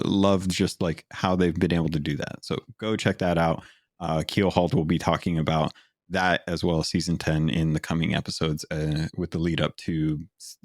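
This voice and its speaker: This deep-voiced man co-hosts a gaming podcast, talking casually and with enthusiasm as he suggests games, his speech full of fillers. The sound is clean and studio-recorded, without any echo.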